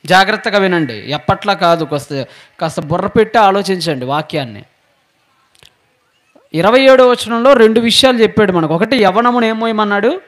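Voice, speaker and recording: A man's voice: high voice, animated, fairly quick. A male preacher with a sore throat delivering a sermon, firing rhetorical questions at the congregation and answering them himself.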